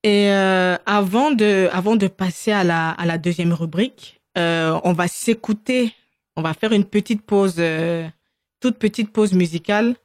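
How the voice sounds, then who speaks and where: A woman hosting a podcast in a relaxed, talkative way, full of fillers and restarts. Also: medium pitch, unhurried, no echo, clean studio sound. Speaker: podcast host. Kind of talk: casual chat.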